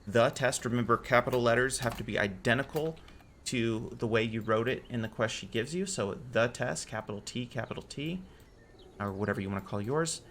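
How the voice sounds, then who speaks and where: A man hosting a casual game server tutorial, relaxed and correcting his own slips as he goes. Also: mid-range voice, a little fast, a little hiss or hum. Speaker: game modding tutorial host. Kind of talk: casual screen-recorded tutorial.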